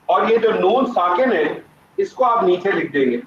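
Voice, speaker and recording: Male grammar teacher over a video call, high voice, echoey muffled audio, patient and probing. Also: animated, a little hiss or hum. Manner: patient, questioning students by name. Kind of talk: online class teaching.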